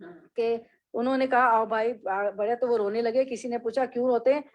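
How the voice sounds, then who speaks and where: An Islamic studies teacher with a fairly high voice gives a classroom lesson, reading short Arabic phrases slowly before explaining and drilling them patiently, repeating words for her students. Her intonation is fairly even, and the recording is muffled.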